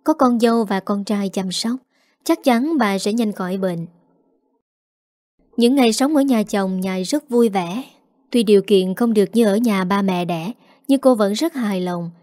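Woman reading a story out loud, calm and even, warm mellow voice, dry close sound. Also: mid-range voice, measured pace, no room sound. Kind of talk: audio story narration.

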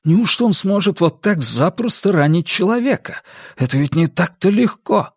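A man voicing an anxious, restrained teacher who speaks quietly and in despair. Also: mid-range voice, animated, a little slow, no echo, studio quality. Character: worried older male teacher, restrained and anxious.

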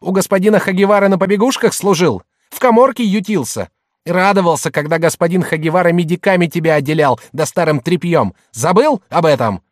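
A man reading an audiobook, voicing a middle-aged merchant's wife who mocks and shouts at her husband. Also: sits high, fairly quick, no room sound, studio quality, close to an everyday voice. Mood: shouting. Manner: loud, mocking, hectoring.

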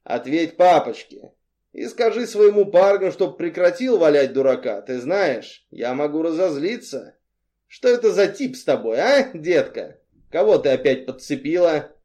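A male audiobook reader voicing a smug male crime boss who taunts in a drawn-out, mock-tender way. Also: a little high, animated, mellow. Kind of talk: audiobook character reading.

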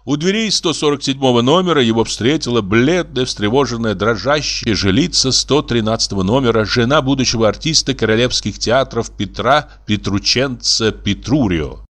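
A man's voice: mid-range voice, normal speed, hardly any pauses, fairly bright tone. A man reading a comic story aloud in a theatrical audiobook manner. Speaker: narrator.

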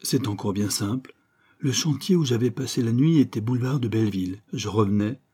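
A man's voice: medium pitch, fairly quick, mellow, husky, natural voice. A man voicing a naive, proud reformed brigand in an audiobook, speaking in slangy, folksy working-class talk.

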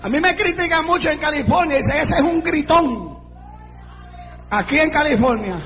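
A man preaching a fervent sermon, shouting repeated refrains and breaking in with cries of aleluya. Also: very high-pitched, normal speed, faint music behind. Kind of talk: shouted Pentecostal-style sermon. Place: church hall with congregation. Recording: reverberant hall, muffled sound, faint congregation.

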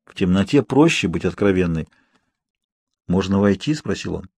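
Husky-voiced male audiobook narrator. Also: sits low, expressive, brisk, a little mellow, dry recording. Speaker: audiobook reader. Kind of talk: first-person audiobook narration.

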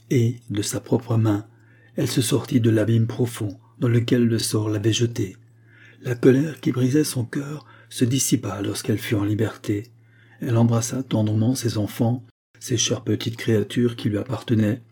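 A man reads a classic story aloud in a steady, measured way. His voice is husky and mellow, with a soft, darker color. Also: medium pitch. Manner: measured, even storytelling delivery. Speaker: audiobook narrator. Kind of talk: scripted literary narration.

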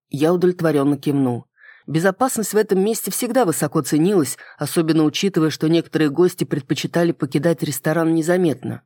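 An audiobook reader giving calm first-person fantasy narration. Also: medium pitch, dry recording, clean studio sound.

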